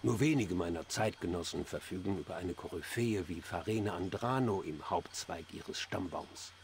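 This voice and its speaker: Anxious, gravelly elf priest. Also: male voice, low-pitched, normal speed, a little hiss or hum. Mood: explaining, faintly indignant. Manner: formal, earnest, reverent. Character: anxious devout dark-elf priest, earnest and formal. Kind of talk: fantasy game dialogue acting.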